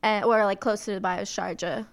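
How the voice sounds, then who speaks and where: A woman's voice: medium pitch, steady tone, quick pace. A young Canadian woman, a DJ and rapper, chatting casually as a podcast guest, peppering her talk with "like" and laughing easily.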